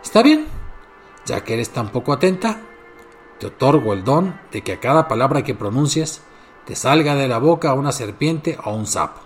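A man voicing a kind magical fairy who speaks in calm, solemn pronouncements in a storybook reading. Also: medium pitch, moderate pace, faint music behind, lightly acted.

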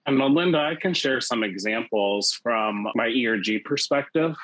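A man who leads an employee resource group, speaking as a panelist in a live discussion and telling stories in a measured, reflective way with "you know" fillers. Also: mid-range voice, lively intonation, fairly bright tone, no room sound, low-quality recording. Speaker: ERG leader, panelist.

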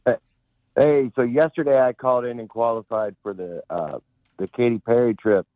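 A man's voice: mid-range voice, normal speed, no room sound. A man calling in to a radio show to tell a long, rambling story full of fillers. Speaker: radio caller. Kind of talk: call-in storytelling. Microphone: telephone. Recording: tinny phone line.

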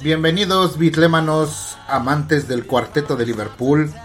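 A man's voice: on the high side, steady tone, a little slow. A man co-hosting a casual podcast, joking and laughing often. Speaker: podcast co-host. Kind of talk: casual chat.

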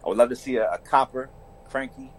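A man's voice: medium pitch, quick pace, darkish tone, slight background noise, poor audio. A man, a podcast guest talking in a laid-back, colloquial way. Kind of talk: casual chat.

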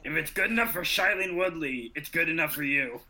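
A man's voice: a little high, lively intonation, fairly quick, bright, forceful tone, rough recording. A man joking casually as a player in a tabletop game.

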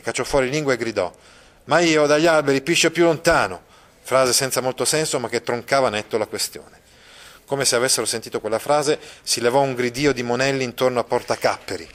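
A man giving a literature lesson, reading passages aloud and explaining them patiently, with many drawn-out fillers. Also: medium pitch, fairly bright tone. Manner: explains patiently, checks in with listeners. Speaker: literature teacher.

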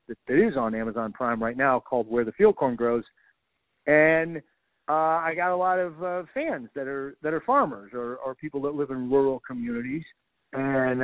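A man's voice: medium pitch, dry recording. A male comedian from the Midwest, chatting in a rambling, self-deprecating way with lots of restarts, over a phone line. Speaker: stand-up comedian. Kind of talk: casual phone conversation. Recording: dry tinny phone line.

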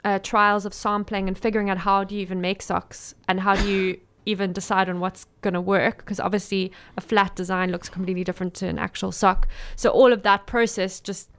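A young woman with a South African accent talks as a guest in a casual interview. Her voice is smooth and clear at a middling pitch, and her manner is informal and easygoing in wording. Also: level tone, fairly quick, hardly any pauses. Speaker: interview guest, small business owner and designer.

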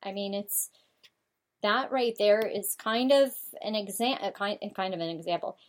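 A woman hosts her own talk show in a loose monologue. She rambles through her thoughts with frequent fillers and restarts. Her voice sits at an ordinary middle pitch. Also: normal speed. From United States. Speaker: show host.

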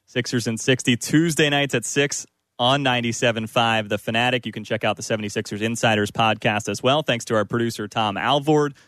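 A man's voice: medium pitch, fairly quick, fairly bright tone, dry recording. A man hosting a sports talk radio discussion.

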